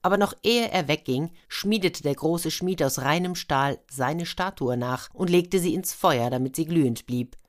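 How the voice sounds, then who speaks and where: A woman with a very low-pitched voice reads a fairy tale aloud. She speaks in a chatty, friendly manner and slips in asides to her listeners. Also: moderate pace, hardly any pauses. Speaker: storyteller.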